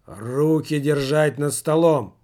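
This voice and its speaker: A man voicing a solemn, commanding male séance medium who speaks in a droning, detached monotone. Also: a little high, takes it slowly. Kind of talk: audiobook character voice.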